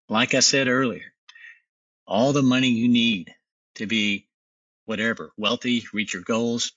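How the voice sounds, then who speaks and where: A man's voice: fairly low pitch, pushed and bright, husky, no echo, distant mic, muffled recording. A middle-aged man, a company founder, talking confidently and emphatically as a guest in a business interview.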